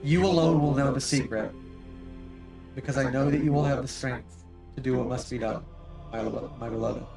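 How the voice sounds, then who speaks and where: A man's voice: mid-range voice, steady tone, normal speed, vocal fry, over music. A man doing a mournful statue spirit through a voice changer. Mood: sorrowful. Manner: solemn, archaic phrasing. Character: sorrowful ancient female statue spirit. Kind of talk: game master voicing a character.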